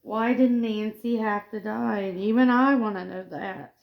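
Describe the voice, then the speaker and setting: A woman's voice: a little high, fairly even intonation, a little slow, gravelly, highs cut off. A woman co-hosting a casual pop culture chat, reading film trivia aloud and often stumbling over and correcting her words. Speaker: co-host.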